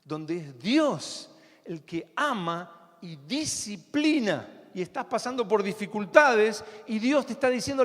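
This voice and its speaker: A male pastor preaching a sermon, swinging from loud urgent appeals to hushed, intimate tones. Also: sits high. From Argentina. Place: church hall. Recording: long church hall reverb.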